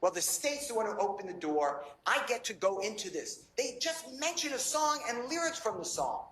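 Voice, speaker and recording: A man's voice: high-pitched, very animated, normal speed, a bit bright, roomy sound, low-quality recording. A man working as a defense attorney, pleading insistently with a judge in a courtroom.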